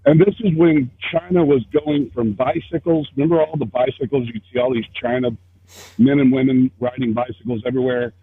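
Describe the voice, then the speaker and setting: A man's voice: medium pitch, steady tone, fairly quick. A man calling into a livestream over a headset, his voice muffled as if through a wall, pressing on with his questions. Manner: persistent questioning. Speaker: caller on a livestream. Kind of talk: casual call-in chat. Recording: muffled lo-fi phone-like line.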